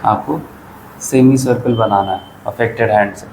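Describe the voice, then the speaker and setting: A physiotherapist who explains shoulder tests patiently and counts exercise reps aloud. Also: male voice, lowish voice, normal speed, a little mellow, slight background noise. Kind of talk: health explainer lesson.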